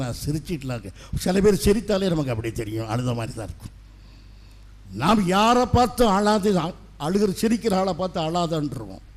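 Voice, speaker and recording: A middle-aged male pastor preaching an impassioned sermon, swinging between loud declarations and hushed asides. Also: high voice.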